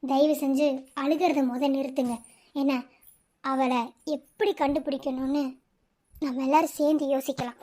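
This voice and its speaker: A cartoon voice playing a gentle younger friend who pleads softly and reassures, with a Madurai Tamil accent. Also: sits high, little pitch movement, moderate pace, long pauses, close to an everyday voice. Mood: pleading. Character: gentle younger friend comforting an older brother-figure. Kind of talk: cartoon voice acting.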